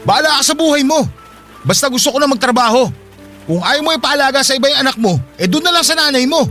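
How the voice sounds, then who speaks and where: A high, lively, quick-talking young man in a radio drama, defensive and pleading. Faint music sits under his lines. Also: heavily acted. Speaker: stay-at-home partner in a radio drama.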